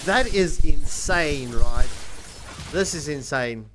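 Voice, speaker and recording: A man giving live esports commentary in an animated, chatty way, repeating himself for emphasis. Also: on the high side, slow pace. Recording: noisy stream mic with clicks.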